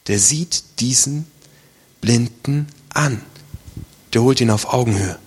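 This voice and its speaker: A man's voice: medium pitch, slow pace, breathy edge. A man preaching a sermon as pastor, in a colloquial, vivid way that acts out the voices he quotes. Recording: long reverb of a large hall.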